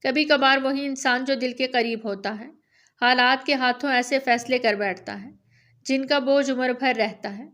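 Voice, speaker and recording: A woman reads a romance novel aloud, her voice sitting noticeably high. She keeps a steady, even storytelling pace from line to line. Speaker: narrator.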